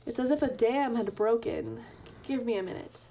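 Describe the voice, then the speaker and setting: A bewildered man just woken from a long frozen sleep, asking halting, anxious questions, as a woman reads him aloud. He stays reasonable while he tries to understand. The voice sits fairly high. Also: gravelly, warm tone, far from the mic, slight background noise.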